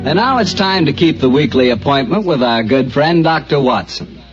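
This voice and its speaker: Man, old-time radio announcer, smooth sales pitch, animated intonation, muffled vintage recording. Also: moderate pace, over music. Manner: smooth, lively salesman delivery. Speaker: show announcer. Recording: dull 1940s radio recording.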